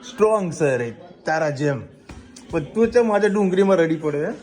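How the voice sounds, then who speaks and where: A man's voice: a little high, animated, moderate pace, a little mellow, soft background music. A man chatting casually in a family vlog from his home kitchen, in a reassuring way. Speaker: vlogger. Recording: echoey room, noisy background.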